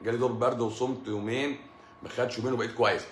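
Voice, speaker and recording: A man's voice: mid-range voice, fairly even intonation, rapid-fire, roomy sound, a little hiss or hum. A middle-aged man with an Egyptian Arabic accent, a doctor chatting casually with live-stream viewers, telling jokey stories and laughing often. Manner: joking storyteller, laughs often.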